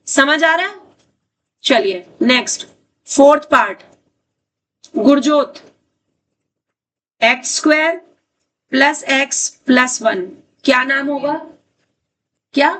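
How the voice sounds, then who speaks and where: High-voiced woman teaching a math class. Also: fairly bright tone. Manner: brisk, repeats questions, calls on students by name. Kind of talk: classroom teaching, questioning students. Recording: distant mic with faint noise.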